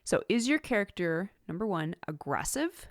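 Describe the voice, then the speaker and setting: A woman with a slightly low, sing-song voice hosts a scripted instructional podcast as a writing teacher. She phrases things deliberately and leans on key words for emphasis. The recording is dry, with very little room sound.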